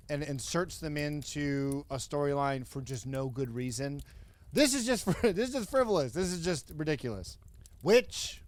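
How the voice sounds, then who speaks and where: A man's voice: on the high side, clear, resonant tone. A man hosting a comedic review of an old wrestling show, sarcastic, with laughing asides and mock outrage. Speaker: host, wrestling commentator.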